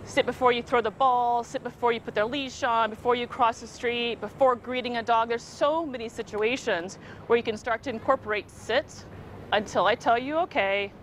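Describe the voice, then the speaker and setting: A woman's voice: fairly high pitch, normal speed. A middle-aged woman presenting an instructional lesson to camera as a dog trainer, speaking in a firm, emphatic way. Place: outdoors in an open city park. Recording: faint outdoor city ambient noise.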